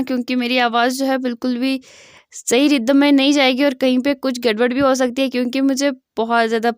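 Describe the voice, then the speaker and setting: Woman storyteller, chatty, filler-heavy, high pitch, dry close sound. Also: smooth, dry recording. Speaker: fan fiction storyteller. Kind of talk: casual story retelling.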